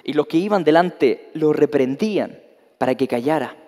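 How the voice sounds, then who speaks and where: A man's voice: on the high side, lively intonation, normal speed, warm tone. A male pastor preaching a sermon emphatically, asking rhetorical questions. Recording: long reverb of a hall.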